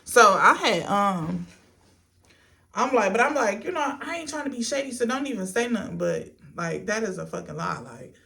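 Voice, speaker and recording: A woman tells a story in a casual vlog style while getting ready. She is blunt and sassy, with plenty of swearing. Her medium-pitched delivery stops and starts as she goes. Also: lively intonation, vocal fry, sharp tone. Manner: unhurried stop-and-start delivery while doing a get-ready-with-me. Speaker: storytime vlogger.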